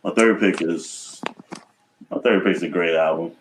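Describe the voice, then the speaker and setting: A man co-hosting a casual music podcast, his voice sitting fairly low. He swears freely and tells animated stories. A faint hiss of background noise sits under his voice. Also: unhurried, rough recording. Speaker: podcast co-host. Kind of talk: casual chat.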